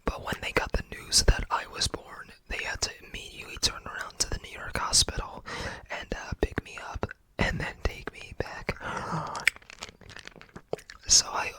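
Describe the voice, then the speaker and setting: An ASMR creator from the United States rambling casually in a breathy whisper, hesitant, self-effacing and often searching for words. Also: moderate pace, bright, forceful tone, rough recording.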